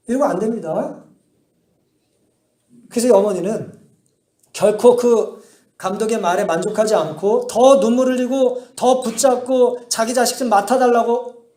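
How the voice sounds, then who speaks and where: High-voiced pastor preaching in an echoey church. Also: male voice, dark tone. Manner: asks the congregation rhetorical questions and answers them; emphatic storytelling. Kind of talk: sermon. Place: church sanctuary.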